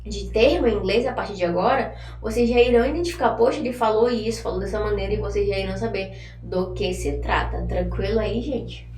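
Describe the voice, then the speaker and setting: A woman teaching an online English lesson, chatting casually and drilling phrases slowly for students to repeat. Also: medium pitch, a little mellow, recorded from a distance. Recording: echoey room, voice from off-mic, faint hum.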